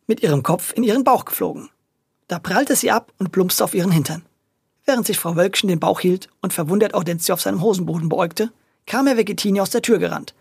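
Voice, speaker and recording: A narrator reading a lively children's audio story. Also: medium pitch, gravelly, slightly rough, dry recording, studio quality.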